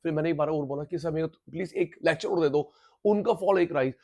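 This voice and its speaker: A man with a high voice lectures a live class. He hammers key terms through repetition and switches freely into English terminology. He gently scolds and teases his students as he goes. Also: quick pace, vocal fry. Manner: lively, repetitive drilling, mixing Hindi and English terms; teasing, scolds latecomers playfully. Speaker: teacher.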